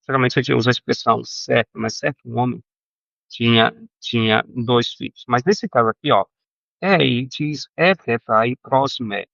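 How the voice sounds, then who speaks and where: Gravelly man teaching Greek. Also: medium pitch, fairly even intonation, fairly bright tone, no echo, lo-fi sound. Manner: halting, many fillers and self-corrections, checks in with "tá bom?". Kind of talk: recorded screen lesson.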